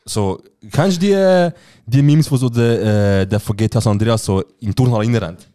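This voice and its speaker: A man's voice: medium pitch, a little fast. A man with a Swiss German accent, co-hosting a casual podcast chat and telling stories full of acted-out quoted dialogue. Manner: animated storyteller acting out quoted dialogue. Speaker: podcast co-host.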